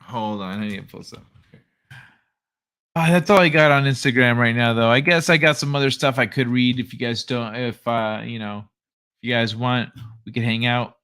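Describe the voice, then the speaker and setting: This time the livestream host's voice is mid-range, sharp-toned, and smooth. He stays casual and jokey with viewers, laughing often and slipping in quick asides.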